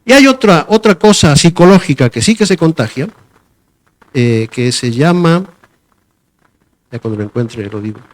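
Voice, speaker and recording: Man, preacher, sermon, somewhat high voice, conversational, repeats phrases. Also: animated, normal speed, pauses often.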